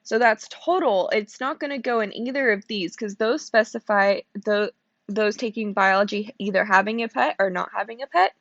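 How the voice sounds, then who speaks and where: Tired lady teacher explaining math step by step, slightly gravelly, flat dull sound. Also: mid-range voice, normal speed, dry recording. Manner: explains step by step, checking in with "okay?". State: sleepy, yawning. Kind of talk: recorded classroom lesson walkthrough.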